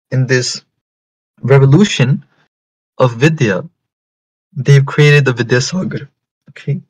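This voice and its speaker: Man, medium pitch, religious teacher, lecture style, emphatic repetition, mixes into English. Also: low-quality recording. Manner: repeats and rephrases phrases for emphasis; switches between English and Punjabi. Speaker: religious teacher giving a talk.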